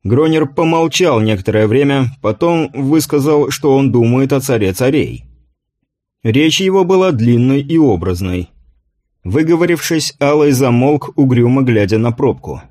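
A man narrating an audiobook in a steady storytelling manner. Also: medium pitch, normal speed. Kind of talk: scripted narration.

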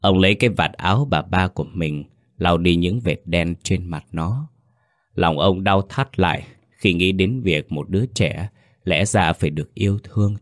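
A man narrating a scripted horror story in a measured, suspenseful way. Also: low voice, no echo. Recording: dry voice with faint music under it.

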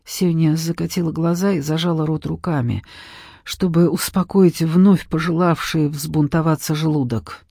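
A narrator reading an audiobook in an even, measured way. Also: medium pitch, vocal fry, no room sound, clean studio sound. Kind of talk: scripted narration.

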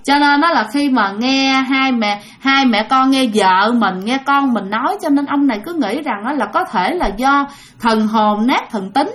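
A woman's voice: high-pitched, lively intonation, measured pace, a bit bright. A woman with a Southern Vietnamese accent telling a ghost story in a chatty way, speaking directly to her listeners. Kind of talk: casual ghost-story narration.

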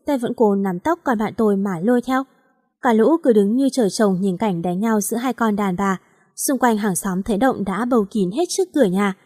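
A woman reading a first-person story aloud in a lively manner, voicing the characters' lines. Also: medium pitch, no echo, clean studio sound. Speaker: story reader.

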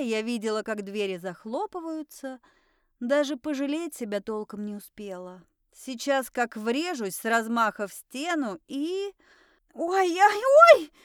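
High-voiced woman reading an audiobook. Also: clean tone, no room sound, clean studio sound. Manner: lively, ironic first-person storytelling. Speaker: audiobook narrator. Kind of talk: scripted first-person audiobook narration.

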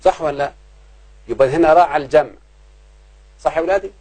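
Egyptian grammar teacher guy, talks really fast, keeps going "got it or not?" at the class. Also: fairly high pitch, a little mellow, husky, rough recording. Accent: Egyptian Arabic. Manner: keeps asking pupils if they understood.

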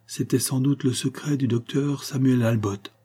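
A man narrating a classic adventure novel as an audiobook, measured and dramatic. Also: mid-range voice, steady tone, warm tone, slightly rough.

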